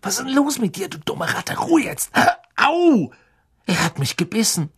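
A reader voicing a panicked teenage boy wizard who shouts in a strained, raised voice. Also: brisk, slightly rough. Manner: frantic, shouting, raised pitch. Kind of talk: audiobook character voice.

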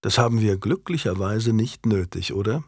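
A man playing a guarded, gruff medieval lord in an audiobook, speaking curtly and low. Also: lively intonation, moderate pace, darkish tone, dry recording, studio quality. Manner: curt and gruff, low and muttering. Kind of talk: audiobook character reading.

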